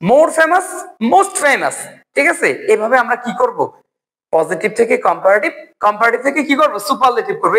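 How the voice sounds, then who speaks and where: A man teaching a video lesson, who asks the class a question and answers it himself, and spells out word forms slowly one by one. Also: extremely high pitch, a bit bright, rough recording. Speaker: English teacher.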